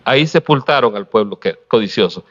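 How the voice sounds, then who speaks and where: Preacher with rhetorical questions. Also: male voice, lowish voice, lively intonation, fairly bright tone, lo-fi sound. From Honduras. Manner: preaching with pauses, rhetorical questions and light laughs. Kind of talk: sermon.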